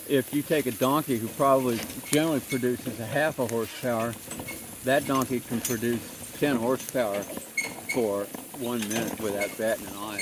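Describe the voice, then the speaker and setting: Blunt, swearing farmer outdoors. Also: male voice, mid-range voice. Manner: blunt, folksy, swears freely; rambling with restarts. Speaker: farmer giving a tour. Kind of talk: casual walking tour talk. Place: outdoors on a farm. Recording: outdoor noise behind the voice.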